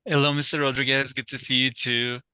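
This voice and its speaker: Man, bright forceful voice, dry sound. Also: mid-range voice, little pitch movement, a little fast, smooth, no echo. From Turkey. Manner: polite, formal. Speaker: strategy department employee.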